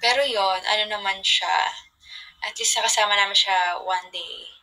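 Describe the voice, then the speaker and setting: A young woman casually chatting on a livestream from her phone, telling rambling stories with soft trailing asides. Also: mid-range voice, fairly even intonation, moderate pace, low-quality recording.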